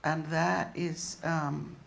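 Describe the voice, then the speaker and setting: A woman speaking as a panelist at a museum discussion, emphatic with drawn-out phrasing. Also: low voice, level tone, creaky. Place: museum event room.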